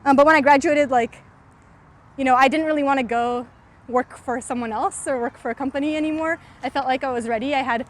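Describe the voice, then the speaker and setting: Her voice is high and steady, a little on the fast side. She's a California woman in her twenties giving a relaxed walking interview on a city street about her startup, peppering her thoughtful answers with frequent "um" and "like."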